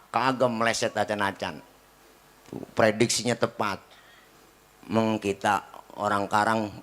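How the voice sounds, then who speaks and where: A man's voice: on the low side, a bit bright. A man with a Betawi accent giving a comic sermon, teasing and joking with the crowd in slangy talk. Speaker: preacher. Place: gathering with a live audience. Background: audience laughter.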